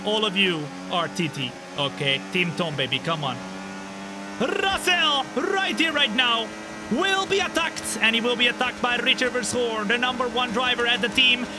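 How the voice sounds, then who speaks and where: A 25-year-old man with an extremely high, expressive voice speaks a little slowly as he streams a racing game live. He chats with viewers and gives playful, self-mocking race commentary. Racing car engine sounds from the game can be heard behind his voice.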